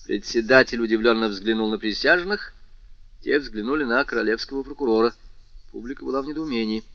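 A man narrating a classic novel aloud in steady, measured storytelling. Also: medium pitch, no room sound, dull audio. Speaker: audiobook reader. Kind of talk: scripted narration.

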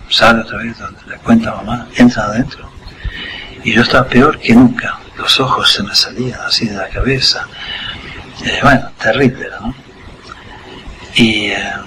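An older man tells his story calmly, pausing to act out each detail of the scene. His voice sits at an ordinary middle pitch. A faint hiss of background noise runs under the recording. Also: low-quality recording. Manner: unhurried storyteller, acts out the scene with short asides. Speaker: interview guest. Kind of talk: personal testimony, storytelling. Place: school radio studio.

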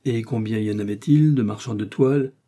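A powerful cardinal questions coldly and commands with calm authority, as a man reads him. His voice is low, husky and mellow. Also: a little fast, close to an everyday voice. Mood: probing. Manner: probing, commanding. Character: cold, powerful male cardinal questioning a prisoner.

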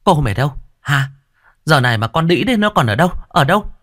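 A man putting on a shrill wailing village matriarch. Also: moderate pace, fairly bright tone, clear, resonant tone, natural voice. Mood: frantic. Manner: screeching, wailing, scolding. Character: shrill grieving middle-aged village matriarch.

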